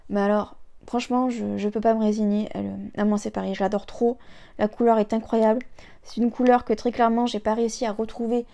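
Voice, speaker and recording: A woman's voice: on the high side, flat delivery, a little fast, creaky, warm tone. A young woman reviewing her lipsticks at home in a chatty, hesitant way, full of fillers and restarts. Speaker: beauty vlogger. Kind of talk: casual makeup review. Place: home room with an open window.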